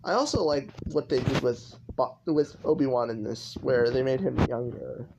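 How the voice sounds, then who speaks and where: A man's voice: medium pitch, lively intonation, normal speed, noisy background. A young man giving casual, rambling commentary over gameplay as a YouTuber, full of fillers and restarts. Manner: rambling, lots of likes and restarts. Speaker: gaming YouTuber.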